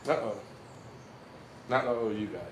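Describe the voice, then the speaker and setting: A man's voice: mid-range voice, moderate pace. A man with a folksy, informal manner, chatting casually with viewers as a livestream host. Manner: folksy, informal address to the audience. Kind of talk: casual live-stream chat with viewers. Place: forge workshop. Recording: echoey workshop, loud background noise.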